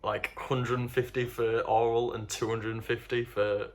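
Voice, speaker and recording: A young man with a mid-pitched voice talks in casual chat. He hesitates, repeats himself and answers in a defensive way. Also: flat delivery, measured pace, slight background noise. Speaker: podcast co-host.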